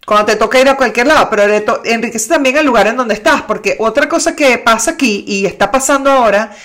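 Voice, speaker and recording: A woman's voice: fairly high pitch, quick pace, a bit bright. A Venezuelan woman in casual chat, rambling and restarting her sentences. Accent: Venezuelan Spanish. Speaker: conversation partner.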